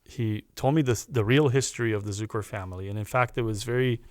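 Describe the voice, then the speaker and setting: A man, a guest on a podcast, telling a personal story in a casual, animated way, often stopping to restart a phrase. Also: medium pitch, fast, no echo, studio quality. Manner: animated anecdote teller with restarts.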